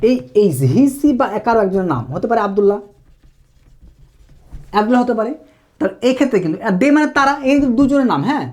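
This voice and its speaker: A woman gives a spoken English lesson with an animated, lively voice that rises and falls. She explains patiently and keeps checking that her students follow. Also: on the high side, fast talker, pauses often. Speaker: English teacher.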